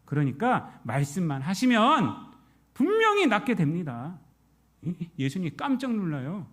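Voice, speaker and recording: A man preaching a Sunday sermon as pastor, questioning his congregation and swinging between loud emphatic peaks and soft low asides. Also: wildly swooping pitch, a little slow.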